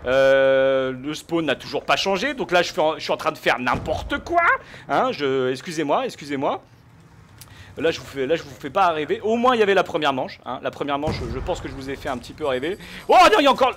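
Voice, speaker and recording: Excitable young man raging over gameplay. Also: fairly high pitch, brisk, slight background noise. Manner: excitable, bursts into rage shouts. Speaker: gaming YouTuber. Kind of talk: gameplay commentary.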